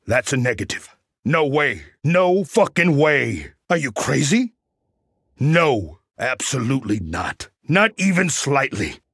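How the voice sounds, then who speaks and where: An actor voicing a cocky, wry big-game hunter mercenary in a video game, husky and sardonic, delivering combat barks and taunts. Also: male voice, medium pitch, big pitch swings, takes it slowly, a bit bright, no echo, clean studio sound, full character voice. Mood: defiant.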